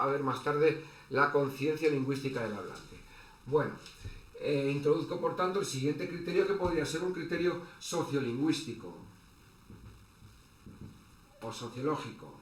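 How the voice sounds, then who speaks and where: A man giving an online lecture as a teacher, halting, with many fillers and restarts. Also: medium pitch. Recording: echoey room with faint background noise.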